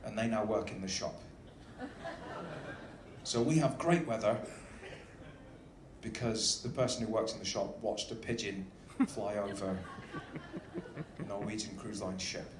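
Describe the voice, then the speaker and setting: A man's voice: on the low side, a little slow, long pauses. Upbeat cruise director guy doing a jokey welcome on the mic, echoey room, bit of background noise. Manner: upbeat, joking showman. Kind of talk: comic welcome speech to a live audience. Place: large indoor ship venue with audience. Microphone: stage microphone. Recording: roomy echo, faint background noise.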